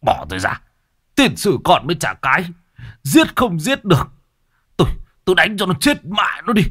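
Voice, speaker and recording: A stubborn old village father, hot-tempered and quick to scold, barks in a husky, tense voice, as a man puts him on. The pitch swings widely as he blusters. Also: wildly swooping pitch, a bit bright, exaggerated voice. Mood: furious.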